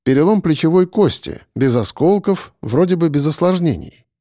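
A man narrating an audiobook in a steady storytelling manner. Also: on the high side, normal speed, dry recording, studio quality. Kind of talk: scripted narration.

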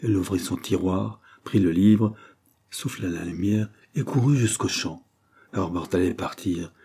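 A man narrating a classic novel as an audiobook in a steady, even reading style. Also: deep voice, a little slow, slightly rough.

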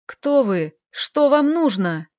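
A woman's voice: sits high, big pitch swings, slow, a little mellow, no room sound, clean studio sound, voice pushed up, heavily acted. Anxious, pleading young man, read by a woman narrator. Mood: anxious desperate. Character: frightened young man, desperate boyfriend.

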